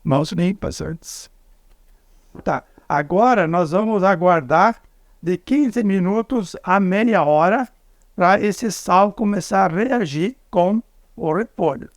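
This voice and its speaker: A man with a southern Brazilian accent, explaining a recipe step by step as a cook in a cooking demonstration, with halting restarts. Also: high voice, no room sound, studio quality. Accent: southern Brazilian Portuguese.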